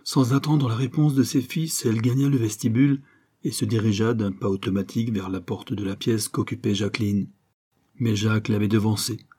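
Low, husky male audiobook narrator. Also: fairly even intonation, mellow. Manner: measured, dramatic reading. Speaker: audiobook reader. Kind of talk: scripted narration of a serial novel.

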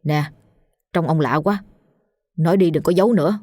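Woman doing a blunt young guy, scolding, worried friend, lowish, dry. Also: moderate pace, a little mellow, no room sound. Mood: blunt worry.

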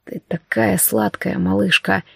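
Woman voicing a hoarse male incubus demon. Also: fairly even intonation, no room sound, clean studio sound, exaggerated voice. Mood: husky. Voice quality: hoarse, low whisper. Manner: slow, husky and teasing. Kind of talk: audiobook character voice.

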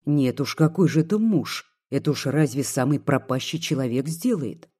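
A devoted, tearful young peasant woman, voiced by an audiobook reader pleads in a soft, earnest way. The tone is dark and mellow with a husky edge. It sounds like a quiet storybook reading. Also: mid-range voice, normal speed, close to an everyday voice.

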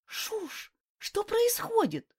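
A woman voicing an impulsive young noble lady in an audiobook, with high, exclaiming lines. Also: wildly swooping pitch, measured pace, darkish tone, dry recording, studio quality, heavily acted. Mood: fretful, exclaiming. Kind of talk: audiobook character voice.

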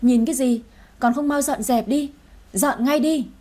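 A woman's voice: high-pitched, measured pace, warm tone. A woman voicing a rude, spiteful young sister-in-law who insults and sneers. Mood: sneering.

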